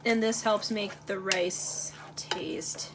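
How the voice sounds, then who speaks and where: Whispering in a medium-pitched voice with a steady tone, a woman takes her time as she hosts a casual cooking video at home. She chats with lots of fillers while stirring a pot. The background has audible frying and stirring noise.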